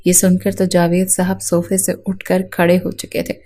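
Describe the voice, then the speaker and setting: A woman narrating a romantic drama story in a steady, dramatic reading. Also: fairly low pitch.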